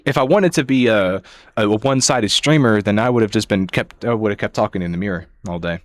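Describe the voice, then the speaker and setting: A man's voice: on the low side, brisk, no echo. A man streaming a game, chatting casually and rambling to his viewers through a headset mic. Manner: rambling, self-correcting talk to viewers. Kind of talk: casual livestream chat. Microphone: headset mic on a livestream.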